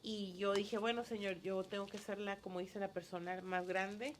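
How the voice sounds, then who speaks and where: A woman's voice: medium pitch, level tone, moderate pace, a little hiss or hum. Earnest woman leading a Bible study. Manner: earnest, emotional storytelling. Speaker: Bible study leader and schoolteacher. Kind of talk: casual testimony in a Bible study.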